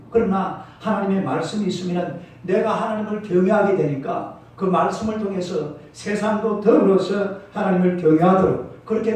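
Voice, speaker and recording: A man's voice: high voice, dark tone. Emphatic preacher man in an echoey sanctuary. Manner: emphatic, prompting congregation responses. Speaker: pastor. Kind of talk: sermon. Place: church sanctuary. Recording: echoey church hall from far off.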